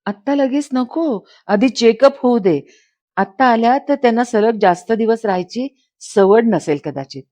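A woman's voice: fairly high pitch, moderate pace, mellow, pitched above the performer's own voice, natural voice. A woman voicing a hurt young pregnant wife who speaks in a pleading, reproachful way close to tears, in a dramatized story reading. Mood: gentle.

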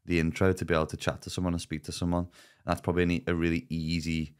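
A man in his thirties co-hosts a casual podcast from a small indoor studio, using a studio mic on an arm and wearing headphones. His low voice is monotone, fast and clean in tone. He gives opinionated, emphatic advice, repeating words as he restarts his sentences.

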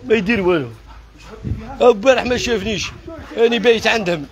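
An Algerian man selling wares on a live stream from his shop, hawking in rapid repetitive calls. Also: sits high, noisy background. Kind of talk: live sales pitch.

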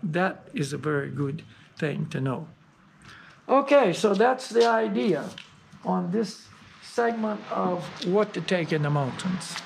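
A man's voice: sits high, expressive, slow, vocal fry, a little hiss or hum. A man hosting a mountain gear show, casually demonstrating clothing in a folksy, emphatic way with lots of fillers. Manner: folksy, emphatic, with many "you know" fillers.

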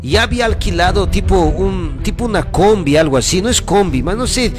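A man's voice: sits high, expressive, fairly quick, over music. A young man telling his own story casually, repeating himself and often asking the listener "you know?". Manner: repetitive, restarts, keeps asking "you know?". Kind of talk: casual first-person storytelling.

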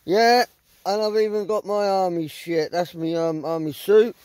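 Holding his phone close, a middle-aged southern English vlogger talks from a small tent in the woods at night, rambling bluntly with lots of swearing. His voice is high-pitched and darkish, steady and measured in pace, captured in a dry recording.

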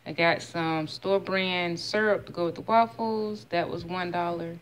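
A woman in her thirties speaks a little slowly in a lowish voice with fairly even intonation, casually showing her grocery haul item by item and listing prices. The vlogger films indoors in her home kitchen, with the phone camera held close.

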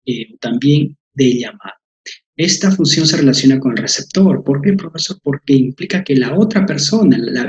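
A man's voice: mid-range voice, a little mellow, dull audio. A man, teaching an online language lesson, explaining patiently with fillers and repeated terms.

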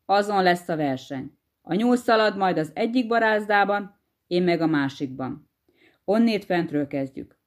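A woman voicing a sly, unhurried male hedgehog farmer in a storybook tale, crafty and bossy. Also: fairly low pitch, lively intonation, close to an everyday voice. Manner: easygoing, crafty, bossy to his wife.

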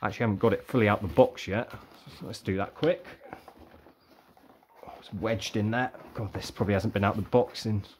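Casual male vlogger, low-pitched, relaxed rambling delivery. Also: fairly quick, a little hiss or hum. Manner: relaxed, rambling, thinking aloud. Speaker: vlogger reviewing car boot sale finds. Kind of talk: casual show-and-tell.

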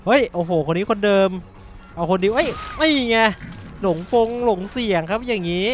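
Excitable high-voiced gaming commentator man. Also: moderate pace, soft background music. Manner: excitable, with bursts of shouts and grunts. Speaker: gaming YouTuber. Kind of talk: live gameplay commentary.

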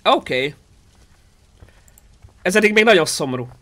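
A man streaming a game live, chatting excitably with his viewers, reacting aloud and thanking supporters. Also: high voice.

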